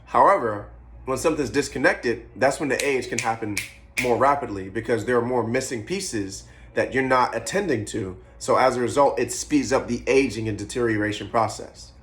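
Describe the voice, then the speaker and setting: A man in his twenties talks straight to the camera in an unscripted vlog. He rambles from thought to thought, swears freely and thinks out loud as he goes. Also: medium pitch, moderate pace. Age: 20s. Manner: rambling, profane, musing aloud; eating while talking. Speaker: vlogger. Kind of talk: casual monologue to camera.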